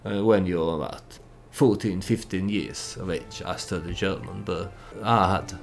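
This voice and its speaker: Soft music plays behind a let's play host, a non-native English speaker whose low, unhurried voice carries vocal fry. He narrates gameplay casually and tells stories in a meandering, hesitant style.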